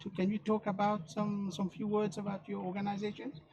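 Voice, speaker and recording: A man's voice: sits high, monotone, fairly quick, dull audio, noisy background. A man with a Mauritian accent co-hosting a panel debate, hesitant and repeating himself. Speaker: debate co-host.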